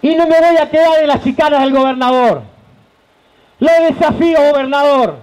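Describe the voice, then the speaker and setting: With lo-fi sound and a moderate pace, an extremely high-pitched man in his forties speaks with an Argentine Spanish accent. He is a union leader giving an impassioned outdoor protest speech into a handheld mic, gesturing and shouting at times on a tented rally stage.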